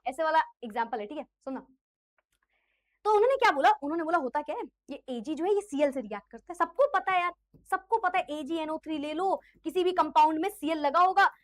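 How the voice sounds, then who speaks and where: A woman teaching an online chemistry class in a playful, teasing way, quizzing her students as she goes. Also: sits high.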